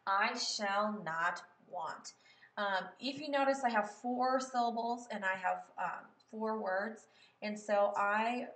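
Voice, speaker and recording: A woman's voice: fairly high pitch, steady tone, measured pace. Patient woman teaching music in echoey room. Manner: patient, step-by-step explaining with fillers. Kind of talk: classroom lesson on writing melodies.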